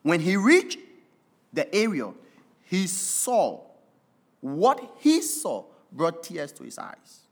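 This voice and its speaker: Preacher, sermon story, slow and lively in pitch, dramatic pauses.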